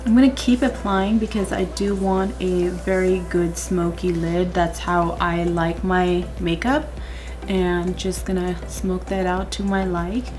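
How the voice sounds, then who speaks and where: A woman's voice: lowish voice, steady tone, unhurried, a little mellow, faint music behind. A young woman chatting to her viewers as she walks through a makeup tutorial step by step. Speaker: beauty vlogger. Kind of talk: casual makeup tutorial chat.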